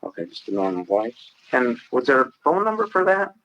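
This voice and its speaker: A man detective calmly questioning a witness and repeating the answers back. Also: mid-range voice, fairly quick. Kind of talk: police interview. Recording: dull lo-fi interview footage.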